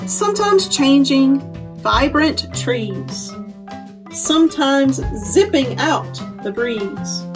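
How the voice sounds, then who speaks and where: A woman hosting a children's storytime, a children's librarian, explains things simply and reads a picture book aloud for young listeners. Her voice sits high and is animated, she speaks slowly, and music plays in the background.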